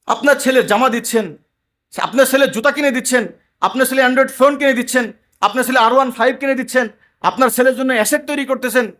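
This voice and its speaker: Man, pitched high, preaching emphatically with stories. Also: quick pace, bright, forceful tone. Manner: emphatic, conversational sermon with anecdotes. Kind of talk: sermon.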